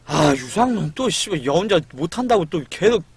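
A man streaming a game and chatting, swearing and shouting at a friend to get lost. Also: high voice, big pitch swings, moderate pace, a crowd in the background. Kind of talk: live game stream chat.

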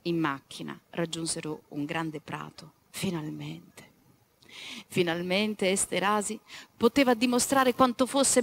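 A woman reading a children's story aloud with lively, chatty asides to her young audience. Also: medium pitch. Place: former convent venue.

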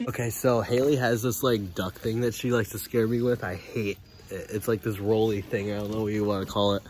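A young man filming a casual vlog while walking through a large store, playful and excitable. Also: on the low side, a little fast, slight background noise. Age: young adult. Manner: playful, excitable, laughs often. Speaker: vlogger. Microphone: handheld phone camera.

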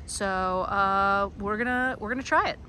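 An unhurried, medium-pitched voice with a bright, forceful tone belongs to a middle-aged garden blogger from the United States. She takes a casual, enthusiastic stroll through her backyard garden, filmed outdoors on a phone with slight background noise, chatting with frequent fillers and small laughs.

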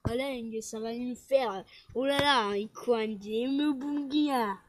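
A woman improvises a toy-figure role-play, talking in a rambling, hesitant way. Her voice sits high. There is clear noise behind her on this home recording. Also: slow pace.

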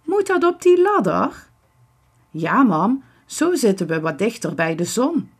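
A woman's voice: fairly high pitch, husky, voice pushed up, full character voice. A woman voicing an eager, scheming young boy in a children's storybook reading. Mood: innocent. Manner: excited, pushy, quick to tease.

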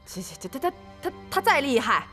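A headstrong young warrior woman talks in a high, bright voice. Her pitch swings a lot, and her lines come in feisty, exasperated bursts with stammering restarts. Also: big pitch swings, brisk, faint music behind, full character voice. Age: young adult. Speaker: young heroine. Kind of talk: historical TV drama acting.

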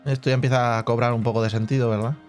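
Man, casual gameplay commentary, thinks out loud, hums sound effects, mid-pitched voice, soft music behind. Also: level tone, very fast. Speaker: gaming channel host. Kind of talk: casual let's-play commentary.

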